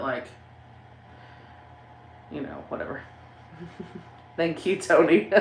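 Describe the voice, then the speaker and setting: With a deep voice and a Southern accent from southeastern Kentucky, this woman hosts a paranormal channel, reading live chat on a casual livestream. She rambles, uses plenty of fillers and laughs often. The audio is reverberant, with slight background noise.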